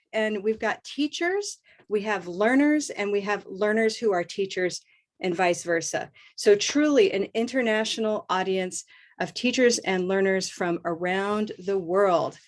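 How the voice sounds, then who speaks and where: An upbeat American woman hosting a live online English pronunciation lesson and repeating words slowly for learners. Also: mid-range voice, expressive. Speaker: host and English pronunciation teacher.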